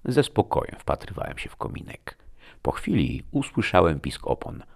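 A man narrating a first-person story in a gruff, expressive way. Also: low-pitched, moderate pace. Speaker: audiobook narrator.

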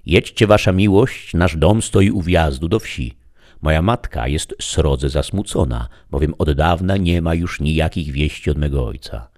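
A man voicing an eager fourteen-year-old peasant girl in a read-aloud classic novel, her lines high and excited. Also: a little slow.

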